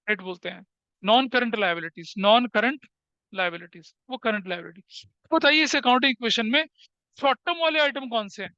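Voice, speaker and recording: A man's voice: extremely high pitch, bright, forceful tone, smooth, no echo, dull audio. A male commerce teacher lecturing a class, asking questions and answering them himself, with English terms mixed into his Hindi.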